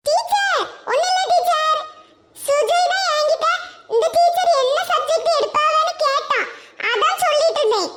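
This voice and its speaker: Cheeky cartoon schoolboy, nervous and making excuses, Tirunelveli accent, very high voice as a woman does him. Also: lively intonation, moderate pace, fairly bright tone. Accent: Tirunelveli Tamil. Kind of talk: cartoon voice acting.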